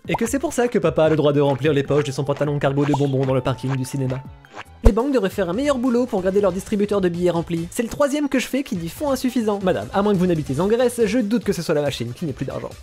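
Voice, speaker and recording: A man doing comedic voice-overs of translated memes, switching quickly between joke voices. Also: high-pitched, faint music behind. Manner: fast, animated, jumping between joke voices. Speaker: meme dubber. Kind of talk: comedic meme voice-over.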